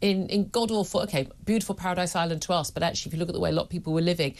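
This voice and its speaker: Fast-talking woman radio host. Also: fairly even intonation. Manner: forceful, emphatic, quick pitch jumps on rebuttals. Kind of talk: opinionated talk radio debate.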